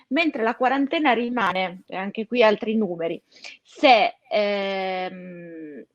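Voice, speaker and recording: A woman's voice: mid-range voice, no room sound. Emphatic woman, dry slightly dull recording. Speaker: co-host giving travel news updates. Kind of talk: informal explanatory news update.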